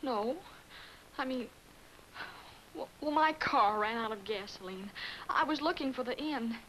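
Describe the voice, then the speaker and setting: A woman's voice: on the high side, a little slow, fairly bright tone, poor audio. A woman playing a theatrical glamorous aunt who is a star, in an old film. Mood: flustered. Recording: old film soundtrack with noise.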